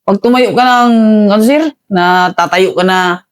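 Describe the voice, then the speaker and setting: Halting soldier telling a war story, dry close sound. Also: male voice, sits high, clean tone, no room sound. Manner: halting, addresses the host as "sir" constantly. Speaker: army veteran guest recounting combat. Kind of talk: casual interview storytelling.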